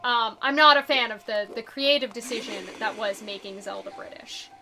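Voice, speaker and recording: A woman's voice: a little high, moderate pace, bright, forceful tone. A woman streaming a video game, chatting casually and rambling, with lots of fillers and restarts. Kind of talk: casual live-stream commentary. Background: game music.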